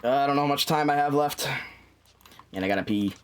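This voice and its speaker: Guy on a game stream, medium pitch, rambly muttering, swears a bit. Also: quick pace, clear, resonant tone. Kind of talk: casual livestream chat.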